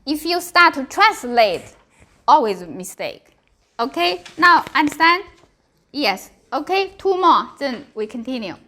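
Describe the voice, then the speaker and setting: Woman teacher, Chinese accent, very bright high voice, slow pace, short repeated phrases, lesson delivery. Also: very animated. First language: Mandarin Chinese. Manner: short simple phrases, repeats, checks understanding. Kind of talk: language lesson, drilling and explaining.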